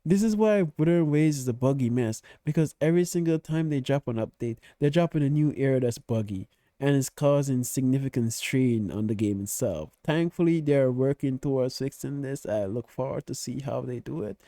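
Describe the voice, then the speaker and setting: Blunt, profane man with a mellow voice. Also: medium pitch, brisk, dry recording. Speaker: reaction video host. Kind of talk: casual reaction commentary.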